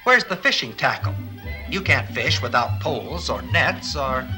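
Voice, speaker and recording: Music plays under this man's unhurried, medium-pitched narration, which moves through big pitch swings. Reading a scripted educational documentary, the film narrator explains things earnestly and often raises rhetorical questions. Audio is poor.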